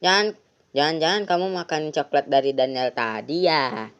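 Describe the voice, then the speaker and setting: A woman's voice: low voice, expressive, moderate pace, smooth. A woman voicing a worried mother who scolds and fusses, on a lo-fi recording. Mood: scolding. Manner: scolding, fussing. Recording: lo-fi, dull sound.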